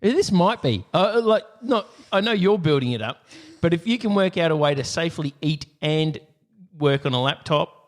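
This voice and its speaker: A man co-hosting a comedy podcast from an office, chatting quickly and laughing often. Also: fairly high pitch, lively intonation. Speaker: podcast co-host. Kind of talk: casual comedic chat.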